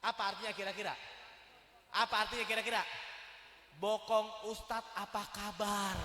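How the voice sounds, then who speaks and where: A man preaches with a bright, high voice, teasing his listeners and firing questions at them. His sermon rings through a mosque hall with a long, echoey reverb. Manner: joking, asks the crowd questions. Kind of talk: lively sermon.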